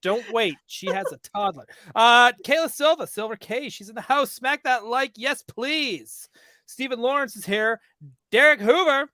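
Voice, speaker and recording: A man's voice: very high-pitched, moderate pace, pushed and bright, no room sound, clean studio sound. A man hosting a podcast in casual chat, upbeat and laughing often as he reads out names from the chat. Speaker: podcast host.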